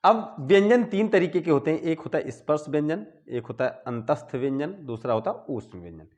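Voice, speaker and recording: His voice is fairly high, expressive, and a little mellow as he teaches Hindi grammar at a board. The man moves through it slowly, step by step, with "ठीक है" ("okay") repeated between points as a check-in.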